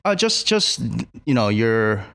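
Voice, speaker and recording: A chef and restaurant co-owner talking in a casual podcast conversation, reflective and halting with many fillers and restarts. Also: male voice, mid-range voice, very animated, a bit bright, clear, resonant tone, no room sound, clean studio sound.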